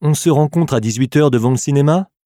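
A woman's voice: very deep voice, a little fast, warm tone, no room sound, clean studio sound, voice pushed down. A woman voicing a young man named Pierre in a scripted French practice dialogue, friendly and inviting.

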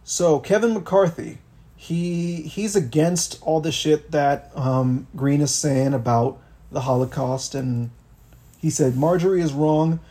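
A young man with a fairly high yet dark, mellow voice talks politics on a podcast. He rants casually and swears freely, often restarting his sentences as he thinks aloud. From Miami, Florida. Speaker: podcast co-host.

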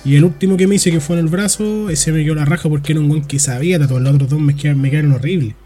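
Fast-talking Chilean man, slangy storyteller. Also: fairly high pitch, mellow, soft background music. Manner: rambling storyteller, heavy slang. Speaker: podcast co-host. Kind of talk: casual chat.

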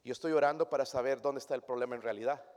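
A male preacher giving a sermon to his congregation, shifting from hushed, intimate tones to loud, emphatic preaching. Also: mid-range voice, racing. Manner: addresses the congregation directly as brothers and sisters. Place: church. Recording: long reverb of a church hall.

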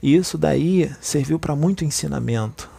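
A man's voice: a little high, normal speed, gravelly, warm tone, breathy edge. A man with a Brazilian Portuguese accent giving an informal spiritual talk, conversational and constantly checking in with his listeners. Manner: conversational, tags lines with "né" and "tá", addresses listeners as "gente". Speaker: spiritual speaker.

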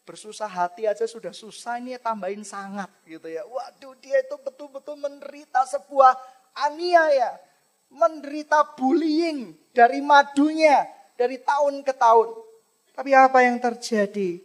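High-pitched female preacher; theatrical sermon, voices the figures, big dynamic shifts. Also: normal speed. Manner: dramatic acting out of the Bible figures with swings from loud to hushed.

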